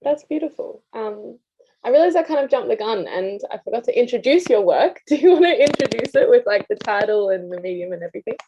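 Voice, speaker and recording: A young woman hosting an interview, upbeat and quick with "amazing" and "fantastic" between questions. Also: a little high, lively intonation, dark tone, husky. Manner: enthusiastic, repeats "amazing" and "fantastic". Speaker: interview host. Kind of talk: casual interview. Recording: dull lo-fi sound.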